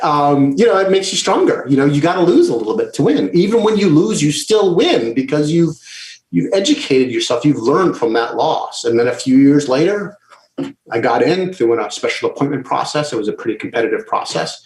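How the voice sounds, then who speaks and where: A man's voice: medium pitch, moderate pace. A middle-aged man from Maryland, a state lawmaker guest, telling his story in a casual interview and acting out remarks he quotes. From Maryland, USA. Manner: animated, acts out quoted remarks in livelier voice. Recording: roomy echo.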